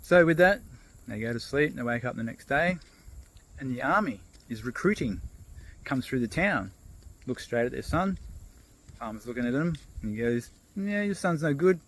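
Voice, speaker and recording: A man's voice: mid-range voice, moderate pace, pauses often. Chill guy rambling a story on a walk outside, faint background noise. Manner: relaxed, loose, with fillers and restarts. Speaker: motivational vlogger. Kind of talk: casual storytelling vlog. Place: outdoors on a walk.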